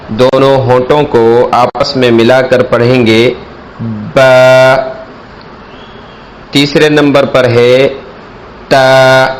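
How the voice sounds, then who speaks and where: A man's voice: mid-range voice, slight background noise, rough recording. A man teaching an alphabet reading lesson, explaining each letter and stretching the sounds out carefully. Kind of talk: slow instructional alphabet lesson.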